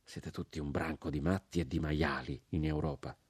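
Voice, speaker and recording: A man voicing a blunt young American soldier in a radio reading of a novel, with curt, gruff replies. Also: a bass voice, steady tone, normal speed, no room sound, clean studio sound.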